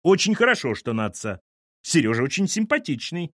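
A man's voice: on the high side, big pitch swings, brisk, a bit bright, no room sound, clean studio sound, voice pushed up. A man voicing a proud, defensive mother-in-law who insists indignantly in an audiobook. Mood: insistent.

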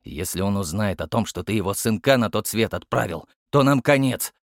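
A man voicing an irritable, gruff police captain who growls and snaps, in an audiobook. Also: fairly low pitch, lively intonation, normal speed, dry recording, studio quality. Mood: alarmed. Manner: growling, snapping.

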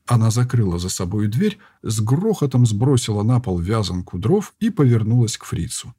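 A male audiobook narrator with a mellow, husky voice. He tells the story expressively, with lively rises and falls. The sound is dry and close to the mic. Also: lowish voice, normal speed, no echo. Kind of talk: scripted narration.

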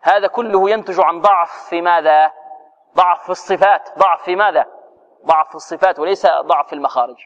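A man's voice: high voice, quick pace, a bit bright. A man teaching Quran recitation, correcting students and drilling sounds with rhetorical questions, recorded in a dull echoey hall. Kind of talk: tajweed lesson, correcting students.

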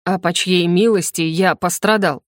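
A woman's voice: lowish voice, steady tone, moderate pace, no echo, clean studio sound, close to an everyday voice. A woman voicing a cold, sarcastic male general who speaks in short, clipped lines in an audiobook. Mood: cold, mocking.

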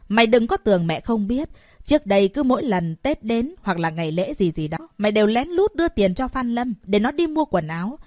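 A woman's voice: mid-range voice, no room sound, clean studio sound, lightly acted. A woman voicing a greedy, domineering middle-aged mother in an audiobook, scolding and wailing melodramatically. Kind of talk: audiobook character voice.

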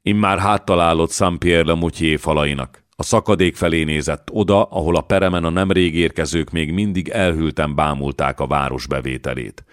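A man narrating a historical novel in a steady, measured storytelling manner. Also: rumbling low, no echo, studio quality. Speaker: audiobook narrator. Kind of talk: scripted narration.

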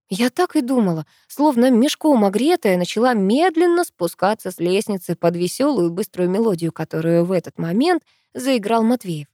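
A woman reading a first-person novel aloud, expressive and lively in her pitch. The sound is dry and close, with no room around it. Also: dry recording. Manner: expressive storytelling. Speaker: audiobook narrator.

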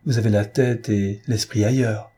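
A man voicing a mischievous, teasing young girl in an audiobook, with a husky voice. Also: on the low side, fairly even intonation, moderate pace, dark tone. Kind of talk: audiobook character reading.

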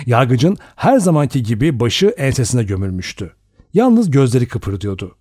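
Male audiobook narrator, measured delivery, lively intonation. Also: mid-range voice, breathy edge, no echo, clean studio sound. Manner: measured, expressive storytelling. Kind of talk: scripted narration.

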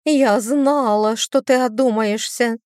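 A pampered, shrill young demon girl, as a woman narrator puts her on, pushing every line up high into squealing outrage. Her voice is dry and close, with no room at all around it. She sounds endlessly offended by everyone around her. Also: slow pace, darkish tone, no echo. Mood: indignant. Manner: indignant, squealing exclamations. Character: haughty shrill young female demon sister.

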